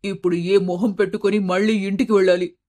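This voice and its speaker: A loud, scolding middle-aged shop owner voiced by a man for an animated moral story. His voice sits high for a man and pushes forward with raw complaint and blame. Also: brisk, close to an everyday voice. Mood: grieving. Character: anguished middle-aged male cloth-shop owner, harsh-tongued.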